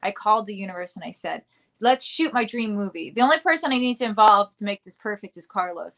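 A woman's voice: medium pitch, pushed and bright. A young adult woman hosting a casual live stream, bubbly and giggly as she chats with viewers and reads their comments. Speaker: livestream host, actress.

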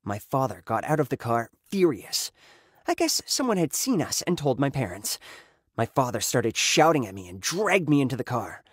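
Young man, husky, dry close sound, scripted story narration, emotive, rises on dramatic beats. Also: mid-range voice, sing-song, moderate pace, no echo.

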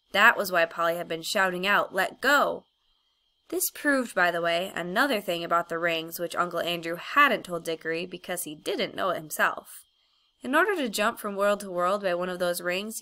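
Female audiobook narrator, bright tone, expressive measured storytelling. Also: on the low side. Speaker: audiobook reader.

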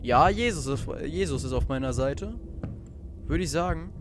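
A teenage boy with a fairly high, expressive voice talks at normal speed while playing a horror game for his let's play. He jokes nervously with his viewers and lets out sudden shouts. Music and faint game ambience sit in the background.

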